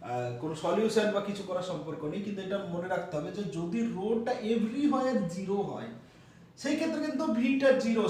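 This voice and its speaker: A man's voice: high voice, darkish tone, a little hiss or hum. A man giving a physics lecture, explaining step by step with many fillers and checks for understanding. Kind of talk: classroom lecture. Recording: echoey room, voice from a distance.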